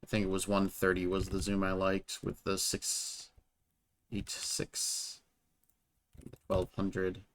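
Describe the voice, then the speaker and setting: A man's voice: deep voice, completely flat delivery. A man streamer thinking aloud at home as he edits his video, talking half to himself. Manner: muttering, half to himself, unhurried. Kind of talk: thinking aloud while editing.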